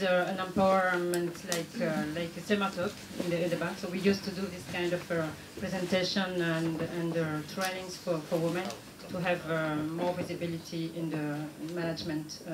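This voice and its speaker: A woman with a Burundian accent giving a talk show presentation in a halting, hesitant way with frequent pauses. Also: lowish voice. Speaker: guest speaker, banker. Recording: echoey room, clear background noise.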